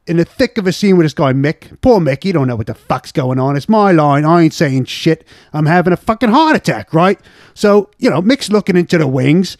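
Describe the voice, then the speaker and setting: A man's voice: on the high side, a little mellow, no room sound, clean studio sound. A male actor playing a brash, callous, foul-mouthed ex-actor with a British accent, blunt and boastful.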